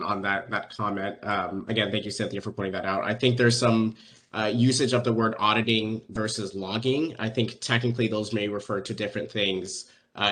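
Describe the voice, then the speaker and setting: Guy running a city zoom meeting, kinda low voice, polite and careful. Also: a bit bright. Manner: polite, hedging, calls on speakers. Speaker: meeting facilitator. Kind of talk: moderating a virtual public meeting.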